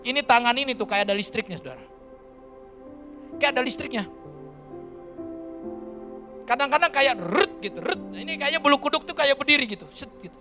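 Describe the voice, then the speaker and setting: Male pastor from Kalimantan, high voice, chatty storytelling sermon over background music. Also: fast talker. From Kalimantan, Indonesia. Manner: lively, colloquial, keeps addressing the congregation. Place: church.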